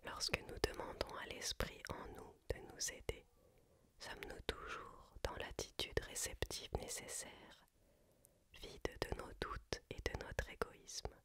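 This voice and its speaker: A voice reading a book aloud as ASMR in a hushed library whisper, measured and unhurried. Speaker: reader.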